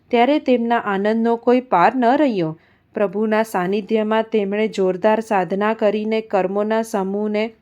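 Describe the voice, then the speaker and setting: A woman reading a religious story aloud in a calm, even storytelling manner. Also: mid-range voice, lo-fi sound. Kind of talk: scripted religious story narration.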